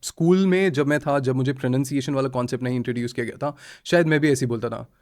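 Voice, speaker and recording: A man's voice: medium pitch, racing. A man in his thirties, a language trainer, talking in a podcast interview, mixing Hindi and English and laughing often. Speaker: IELTS trainer guest.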